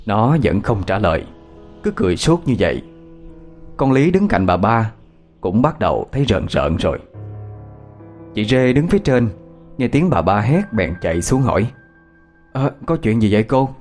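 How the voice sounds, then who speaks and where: A man narrating a ghost story as a lively, dramatic storyteller. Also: lowish voice, moderate pace, long pauses, soft background music.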